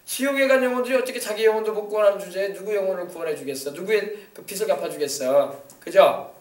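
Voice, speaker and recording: A man's voice: high voice, fast talker. A male pastor preaching a sermon in an emphatic way, often checking that the congregation agrees. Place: church sanctuary. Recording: echoey church hall, mic at a distance.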